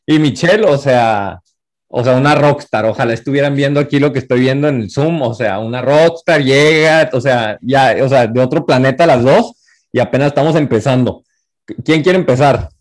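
A young Mexican man with a Tijuana accent hosts a relaxed podcast chat over a video call. He talks at an easy middle pitch, loose and chatty, with lots of fillers and slang. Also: moderate pace. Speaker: podcast host.

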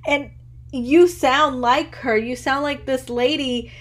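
A woman in her early thirties hosts a relaxed podcast conversation. Her voice sits quite high, and she rambles, restarts and leans on "like" constantly. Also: slow pace. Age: 30s. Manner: chatty, rambling, says "like" constantly. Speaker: podcast host. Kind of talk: casual interview chat.

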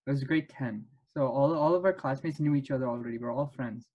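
A man hosting a casual podcast chat over a video call, telling stories with quick asides. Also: medium pitch, lo-fi sound, slight background noise. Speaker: podcast host.

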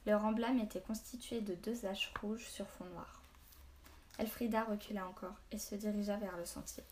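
A woman narrates a novel aloud in a quiet, measured way. Her voice sits at a middling pitch and stays steady and even. A faint hiss runs under the recording. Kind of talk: audiobook narration.

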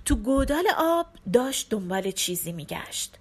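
A woman narrating a folk tale for listeners, expressive and acting out the characters. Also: fairly high pitch, slightly rough.

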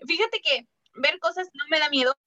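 Mexican woman, conversational guest; high voice, dry dull lo-fi sound, agrees a lot, chatty. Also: moderate pace, pushed and bright, no echo. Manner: chatty, reacts with short agreeing interjections. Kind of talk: casual chat.

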